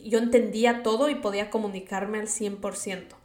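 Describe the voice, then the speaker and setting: A woman's voice: mid-range voice, fairly even intonation, a little fast, darkish tone, reverberant. A young woman from Latin America with a Latin American Spanish accent, chatting casually and giving advice, dropping English words into her speech. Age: young adult. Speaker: vlogger.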